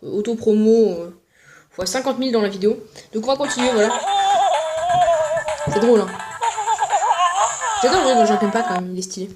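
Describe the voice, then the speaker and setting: A young woman with a fairly high voice rants casually on her channel. She mocks other creators, makes jokes and plugs her own videos. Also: brisk, pauses often, loud music behind the voice. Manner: mocking, jokey, self-promoting. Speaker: YouTuber. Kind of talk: casual ranting commentary.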